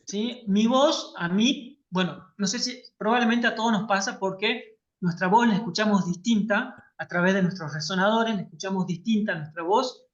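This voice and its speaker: A woman's voice: medium pitch, normal speed, hardly any pauses. A woman teaching an online class. She explains carefully and keeps checking that her students follow. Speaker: workshop teacher. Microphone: video call. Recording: lo-fi video call audio.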